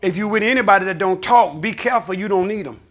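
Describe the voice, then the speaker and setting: A male pastor preaching a sermon to his congregation, calling for responses and climbing into shouts. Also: high-pitched, quick pace. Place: church sanctuary.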